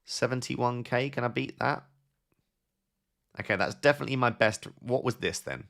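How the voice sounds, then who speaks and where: A young man hosting a casual live stream, reading viewers' messages aloud and thinking out loud with quick, offhand advice. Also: medium pitch, gravelly. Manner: thinks aloud with fillers and restarts. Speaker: live-stream host answering chat.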